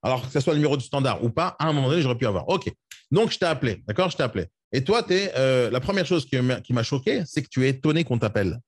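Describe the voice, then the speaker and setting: A man's voice: medium pitch, expressive, breathy edge, dry recording, clean studio sound. A man coaching real estate agents in a live session, blunt and scolding, sometimes mocking. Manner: blunt, scolding, rapid-fire.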